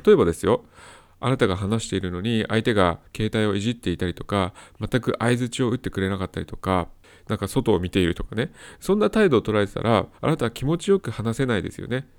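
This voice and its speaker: Fast-talking man with a gravelly voice. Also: on the low side, lively intonation. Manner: explanatory, repeats key points, frequent fillers. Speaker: host of a self-help audio talk. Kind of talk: solo advice talk to listeners.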